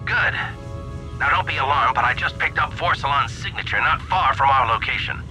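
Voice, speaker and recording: An actor playing an older, commanding alien general in a video game, grave and measured like a military man. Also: medium pitch, sharp tone, soft background music, rough recording.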